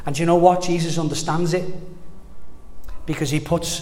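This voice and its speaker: An earnest man preaches in a chatty, heartfelt way, circling back and restarting phrases as he goes. His voice sits a little high for a man. A long reverb trails every line, as in a large church hall. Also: fairly even intonation, normal speed, dark tone. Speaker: pastor. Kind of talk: sermon.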